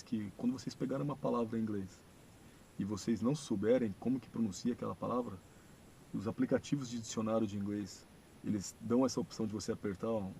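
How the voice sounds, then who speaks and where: A man with a Brazilian Portuguese accent teaching an English video lesson, explaining patiently and slowing down to model phrases. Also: lowish voice, vocal fry, warm tone, a little hiss or hum, poor audio. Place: church classroom.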